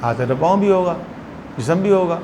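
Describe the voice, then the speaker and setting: A man's voice: high-pitched, animated, a little mellow, slight background noise. A man with a Pakistani Urdu accent, a religious scholar giving a lecture who explains with little acted anecdotes.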